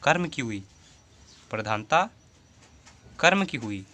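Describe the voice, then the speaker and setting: A man's voice: medium pitch, sing-song, takes it slowly, pushed and bright. A man teaching a Hindi grammar lesson, repeating his examples and asking rhetorical questions to his students. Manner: addresses the viewer as 'bhai'.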